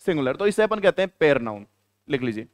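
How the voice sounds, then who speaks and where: Indian guy teaching grammar to a class, high smooth voice, jokey, keeps quizzing everyone, dry sound. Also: very animated, quick pace, dry recording. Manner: playful, joking asides to students; repeats key words, quizzes the class.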